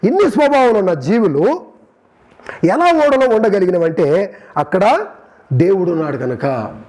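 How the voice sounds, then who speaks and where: A man's voice: sits high, a little slow. A male preacher giving a sermon, telling stories with animal examples and often asking the congregation questions. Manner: lively storytelling, keeps asking the congregation questions.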